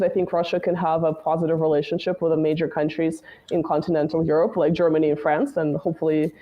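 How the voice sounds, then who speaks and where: Heard through dull-sounding audio, this fairly low-voiced woman is a guest commentator chatting about politics in a casual setting. She speaks at great length and often adds "right?" and "you know" to her sentences.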